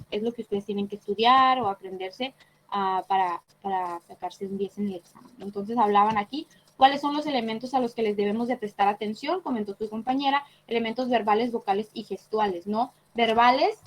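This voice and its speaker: Woman teacher on a video call, kinda high voice, faint hiss behind her. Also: a little fast, rough recording. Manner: explains patiently, checks with frequent tag questions. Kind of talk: online class review. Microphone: computer mic on a video call.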